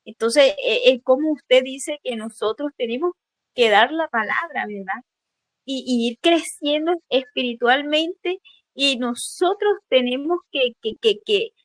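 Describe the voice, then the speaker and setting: A woman giving a fervent, halting spoken testimony in a class, with many restarts. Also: on the high side, expressive, dry recording. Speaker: student sharing a testimony.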